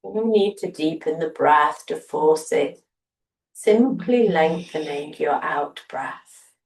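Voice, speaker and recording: Woman, low voice, breathwork teacher, calm and unhurried, a little off-mic. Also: roomy sound, far from the mic, low-quality recording. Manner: soft, slow, soothing guidance with long pauses. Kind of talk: guided breathing meditation.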